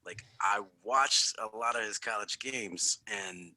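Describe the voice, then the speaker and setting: A young man co-hosting a casual sports podcast, arguing his point in a low, measured way that turns heated. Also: poor audio. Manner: argumentative, quiet and measured then heated. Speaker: podcast co-host.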